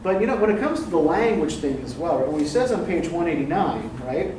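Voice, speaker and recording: Sing-song and a little fast, the professor's higher, darkish voice carries through an echoey classroom, picked up by a distant mic amid background noise. Guiding a literature discussion thoughtfully, he often inserts "um" and checks with "right?"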